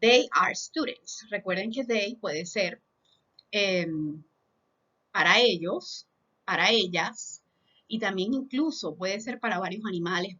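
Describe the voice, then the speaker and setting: A woman teaching beginner English in Spanish, saying example sentences slowly and carefully for learners to repeat. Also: medium pitch, sharp tone, husky, lo-fi sound. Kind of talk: lesson in Spanish.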